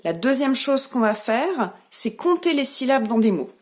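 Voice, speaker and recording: A preschool teacher with a French accent gives a remote lesson to young children, speaking gently and articulating every word as she leads them in clapping syllables. Her voice is high and sing-song, at a moderate pace.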